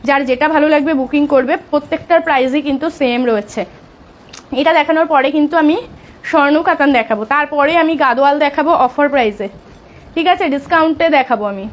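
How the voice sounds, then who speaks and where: A woman selling sarees on a live stream, talking softly because of a sore throat and urging viewers to book fast. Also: high voice. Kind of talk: live sales pitch.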